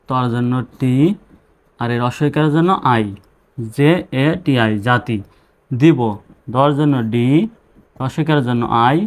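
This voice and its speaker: Male teacher, mid-pitched voice, patient and methodical, spells each word out letter by letter. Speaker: English teacher. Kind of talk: spelling lesson.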